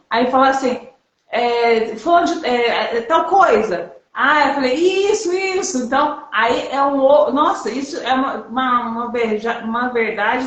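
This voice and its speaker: A woman hosting a casual video-call conversation, speaking haltingly and pausing to search for words, heard through echoey, muffled call audio. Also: a little high, fairly bright tone. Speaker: host.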